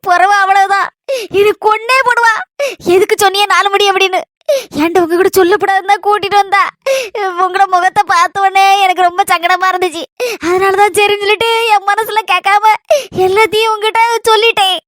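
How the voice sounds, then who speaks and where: Very high, chattering Kanyakumari woman. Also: steady tone, brisk, fairly bright tone, dry recording. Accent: Kanyakumari Tamil. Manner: chattering, blurts everything out, playful stammer. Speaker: comedy skit performer. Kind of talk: comic village skit.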